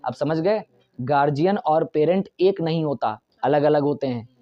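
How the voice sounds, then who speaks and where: A man's voice: a little high, lively intonation, normal speed, muffled recording. A male English grammar teacher gives a classroom lecture in Hindi mixed with English terms and keeps checking whether the students understand.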